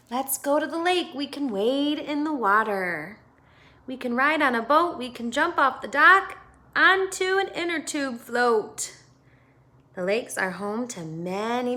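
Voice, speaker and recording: The American teacher puts questions to the kids as she reads them a picture book aloud, her delivery lively and instructive. Her voice leans toward the high side.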